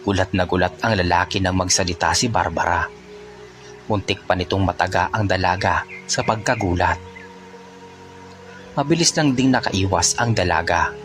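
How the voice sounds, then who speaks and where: Male storyteller, very deep voice, even pace, faint music bed. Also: moderate pace, long pauses. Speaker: narrator. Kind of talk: storytelling narration.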